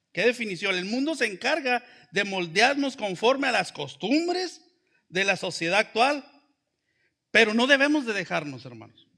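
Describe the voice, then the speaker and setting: A man's voice: sits high, bright, forceful tone. A man preaching a sermon in a conversational way, asking many rhetorical questions and addressing the congregation as brothers. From Mexico. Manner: often addresses listeners as brothers.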